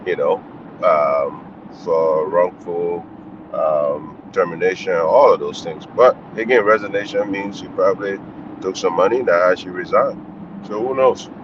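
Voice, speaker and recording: A man's voice: deep voice, measured pace. A man calling in on a car speakerphone while driving, giving blunt, candid commentary in a casual call-in style. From Liberia. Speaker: caller commenting on the news. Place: inside a moving car. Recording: muffled lo-fi phone line with faint road noise.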